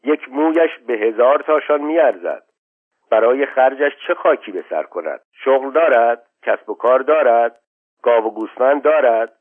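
A man's voice: mid-range voice, lively intonation, slightly rough. A man voicing a nomad mother who pleads and wails in defense of her son. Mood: pleading. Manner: wailing, pleading. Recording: tinny lo-fi phone-like sound.

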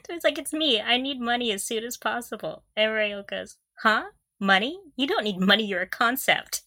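A woman co-hosts a casual fan podcast, recapping with gushing enthusiasm, giggling and often breaking into laughter. Her voice is a little high, bright and forceful at a moderate pace, in a dry recording.

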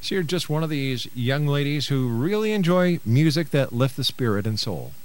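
A man hosting a radio interview addresses his guest and listeners as a presenter, partly reading out a book synopsis. He speaks at normal speed in an expressive, medium-pitched voice.

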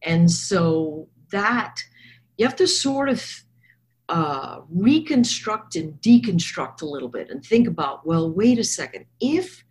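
A woman speaks in a fairly low voice, hoarse and froggy with a smoker's rasp. She rambles a little as she thinks aloud, giving conversational commentary on the markets as a guest. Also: very animated, slow, darkish tone. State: hoarse from coughing. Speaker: trader and technical analyst guest.

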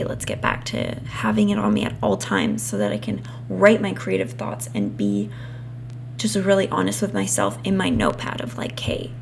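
Her voice a little mellow but slightly hoarse and starting to fail, this woman runs a solo podcast with an informal, chatty style, tossing in apologies to listeners. The rumble of a loud passing truck outside is clearly picked up.

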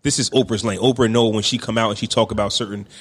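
A man's voice: on the low side, fairly even intonation, fast, a bit bright, slightly rough. A young man co-hosting a podcast in casual chat, opinionated, often checking with "right?". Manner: opinionated, makes his points with repeated checks like "right?". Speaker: podcast co-host.

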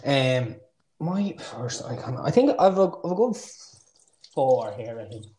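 An Irish man co-hosting a casual podcast chat, thinking out loud and swearing now and then. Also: mid-range voice, very animated, a little slow, husky. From Ireland. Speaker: podcast co-host. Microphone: remote call mic.

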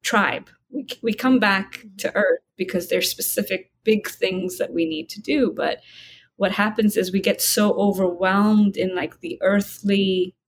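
A woman guest in an interview, talking in a calm, reflective way. She lets her words slow down when she stresses a point. A faint noise sits under the recording. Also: mid-range voice, gravelly. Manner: calm, reflective, slows down for emphasis. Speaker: spiritual guide and interview guest. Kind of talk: conversational interview.

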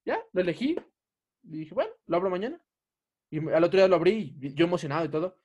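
A man's voice: on the high side, expressive, fast talker, darkish tone, muffled recording. A young man with a Mexican Spanish accent, telling a story in a casual podcast chat and laughing often.

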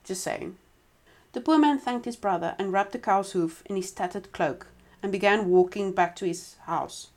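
A woman's voice: medium pitch, normal speed, a little mellow. A woman reading a folk tale aloud to a listener, breaking off for casual asides. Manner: conversational, with frequent asides and restarts. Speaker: storyteller.

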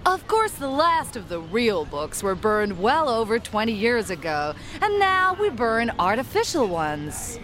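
An actress playing a gushing, pious festival co-host in satirical broadcast commentary. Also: female voice, fairly high pitch, big pitch swings, a little slow, hardly any pauses, fairly bright tone, a little hiss or hum. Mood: solemnly proud.

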